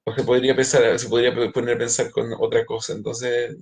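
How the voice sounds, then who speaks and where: A middle-aged man, a rabbi, gives a spiritual lecture in a gravelly voice of ordinary male pitch. He keeps restarting and repeating words as he speaks straight to his listeners. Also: flat delivery, fairly quick.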